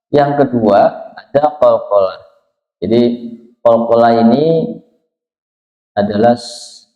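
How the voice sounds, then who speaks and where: A man teaching the pronunciation of Quranic letters in a small prayer room, patiently demonstrating sounds and drawing out recited words. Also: mid-range voice. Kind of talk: slow Quran pronunciation lesson. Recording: roomy, dull lo-fi sound.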